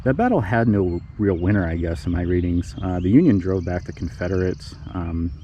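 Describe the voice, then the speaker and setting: A vlog host keeps his low-pitched voice hushed, as if not to wake anyone, while briskly narrating cemetery history on a casual tour outdoors. He's in a small neighbourhood cemetery, and the audio is slightly muffled with outdoor noise behind it.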